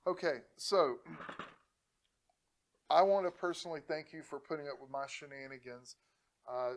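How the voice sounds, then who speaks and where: Tech channel host, male, fairly high-pitched, relaxed and playful, chatty delivery to camera. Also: low-quality recording. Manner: jokey, laughs often, chatty and encouraging. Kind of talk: casual tutorial talk to camera.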